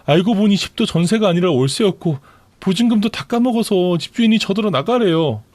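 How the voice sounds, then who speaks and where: A man's voice: expressive, fairly quick, a little mellow, no room sound. A man voicing a desperate pregnant young woman. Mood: desperate pleading. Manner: begging, whiny and shrill. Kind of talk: storytelling radio drama.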